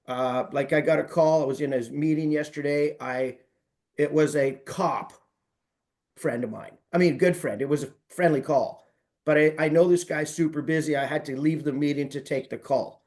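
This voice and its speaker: A man's voice: fairly high pitch, fairly even intonation, normal speed, darkish tone. Chatty man telling call stories. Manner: storytelling, light and joking, acts out quoted voices. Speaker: sales coaching group member. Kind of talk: casual group call chat.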